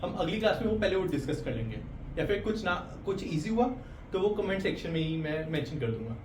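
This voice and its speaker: A high-pitched man teaches a lesson at an easy pace. He repeats each word slowly, pausing to check in with learners. He sounds a little distant from the mic in an echoey room with faint background ambience. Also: big pitch swings, noisy background. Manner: patient, repeats words slowly, often says "thik hai". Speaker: language teacher. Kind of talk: explaining pronunciation to learners.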